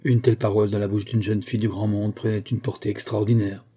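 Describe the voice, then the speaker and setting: A man narrating an audiobook in a measured, deliberate way. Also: fairly low pitch, level tone, mellow, breathy edge.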